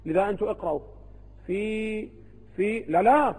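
A man's voice: high voice, normal speed, a little mellow, slightly rough, big-room sound, low-quality recording. A man with an Iraqi Arabic accent, a religious scholar giving a seminary lecture to students, who keeps posing rhetorical questions and answering them himself.

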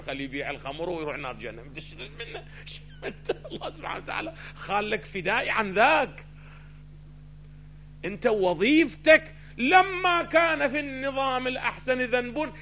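High-voiced man lecturing, quizzing his listeners. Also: a little hiss or hum. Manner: poses questions to listeners and answers them himself; swings between loud stressed phrases and quiet low asides. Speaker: religious teacher. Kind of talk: theology lecture mixing classical and colloquial Arabic.

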